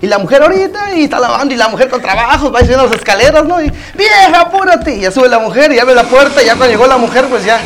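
A man's voice: extremely high pitch, expressive, very fast, few pauses. A man on a radio show telling a bawdy joke in a joking, playful manner. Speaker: radio co-host.

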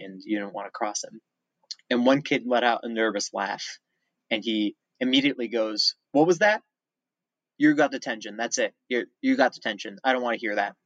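A man's voice: mid-range voice, no room sound. A man co-hosting a casual book podcast, telling an anecdote and livening it up by quoting others. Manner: storytelling, animated when quoting others. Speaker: podcast co-host. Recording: dull lo-fi sound.

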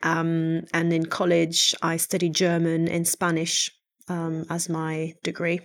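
A low-pitched woman from Quebec, Canada, whose first language is French, speaks with a completely flat delivery. A psychology lecturer and podcast co-host, she tells stories thoughtfully and measuredly in a podcast conversation, hesitating frequently.

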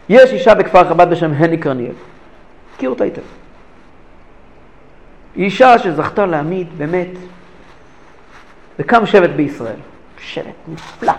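A man teaching a religious lesson who tells stories with animated, repeated phrases for emphasis. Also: sits high, gravelly. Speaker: rabbi teacher. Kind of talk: lesson storytelling.

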